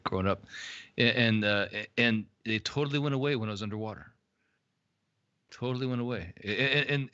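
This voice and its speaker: A man's voice: fairly low pitch, pushed and bright, no room sound, muffled recording. Man sounding boxed inside a metal tank. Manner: rambling, reminiscing storyteller. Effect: boxy tin-can sound, like inside a metal tank. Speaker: guest. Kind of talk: casual chat on a live stream.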